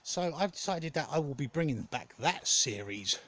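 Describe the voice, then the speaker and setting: A man giving a casual, rambling vlog update in a hesitant, halting way, often correcting himself. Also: a little high, animated, a bit bright. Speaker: gaming content creator.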